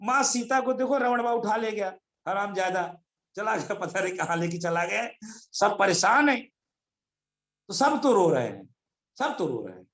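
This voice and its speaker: A man giving an animated motivational talk over a video call, telling stories and calling on listeners by name. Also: high-pitched, moderate pace. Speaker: motivational speaker.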